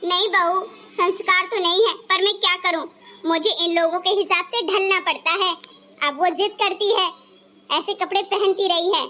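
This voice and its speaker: A woman's voice: very high-pitched, steady tone, moderate pace, pushed and bright. A woman voicing a fussy cartoon mother-in-law. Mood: defensive. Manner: flustered, stammering when caught. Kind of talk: Hindi cartoon dubbing.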